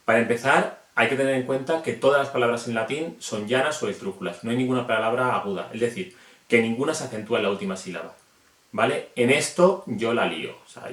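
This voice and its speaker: Low-voiced Spaniard explaining in an echoey room. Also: male voice, a bit bright. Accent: Spain Spanish. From Spain. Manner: chatty, self-deprecating, checks in with the viewer. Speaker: reptile hobbyist explaining names. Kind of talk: casual explainer video.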